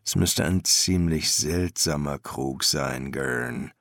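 A man voicing a weary older master embalmer who answers in a dry, patient, deadpan way. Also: a bass voice, slow, vocal fry, no room sound, voice pushed down, exaggerated voice.

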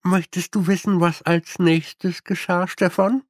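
A man voicing a deadpan army captain who reports bad news slowly, with hesitant fillers and dry irony. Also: sits high, dry recording.

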